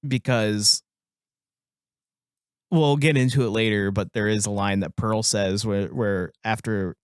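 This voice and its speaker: A podcast co-host talks casually about a film, his voice low-ish, steady and unhurried. He laughs a lot and performs lines in put-on voices. The studio-quality recording is clean, with no echo.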